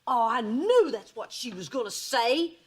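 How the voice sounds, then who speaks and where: A wry, sharp-tongued sitcom mom. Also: female voice, fairly high pitch, sing-song, husky, heavily acted. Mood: sarcastic. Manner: sarcastic, quick comebacks. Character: wry, sharp-tongued woman, middle-aged mother. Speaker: sitcom lead. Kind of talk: sitcom acting.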